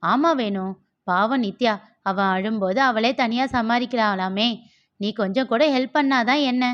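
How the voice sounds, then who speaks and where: A woman's voice: fairly high pitch, unhurried, natural voice. A woman voicing a caring, outspoken elder sister-in-law who coaxes a baby and chides her brother-in-law. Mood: chiding. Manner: coaxing, chatty. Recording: dull lo-fi.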